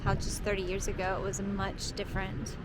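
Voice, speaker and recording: A woman's voice: mid-range voice, monotone, fairly quick. A woman travel vlogger chatting casually and enthusiastically to viewers. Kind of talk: casual vlog chat. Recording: loud music behind the voice. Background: music.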